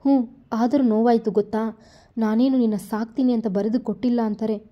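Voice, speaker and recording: A woman's voice: fairly high pitch, steady tone, brisk, lightly acted. A woman voicing a sulky, playful young heroine who pouts and talks like a child in a storybook reading. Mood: pouting. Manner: pouting, childlike. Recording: dull lo-fi recording.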